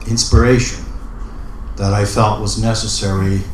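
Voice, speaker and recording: A man at an open mic, introducing and reciting his poetry with measured, deliberate phrasing. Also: on the low side, flat delivery. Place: indoor open mic event room. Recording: roomy live recording with background noise.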